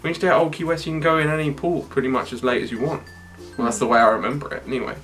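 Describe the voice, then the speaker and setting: A man's voice: a little high, fairly even intonation, very fast, a bit bright, soft background music. A man co-hosting a casual review vlog, teasing and wry. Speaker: vlogger co-host.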